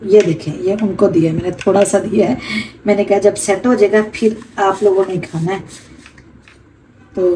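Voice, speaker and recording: A woman's voice: mid-range voice, dark tone, slight background noise, low-quality recording. A middle-aged woman chatting homely to her viewers as she cooks in her home kitchen, filmed on a phone camera. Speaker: cooking vlogger. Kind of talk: casual cooking vlog narration.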